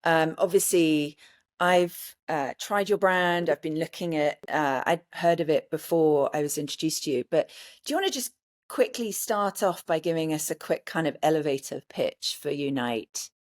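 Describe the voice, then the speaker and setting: Woman, very low voice, podcast host, hesitant rambling questions, casual interview. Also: lively intonation, normal speed. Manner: hesitant questions with many "um" and restarts.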